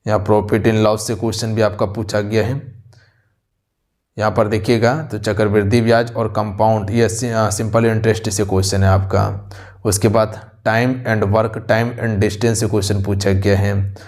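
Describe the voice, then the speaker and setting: A man's voice: lowish voice, level tone, normal speed, darkish tone. A man, an exam-prep teacher walking through a question paper, repeating himself and addressing viewers directly, on a close voice-over mic. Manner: repetitive, addresses viewers as "aap sabhi".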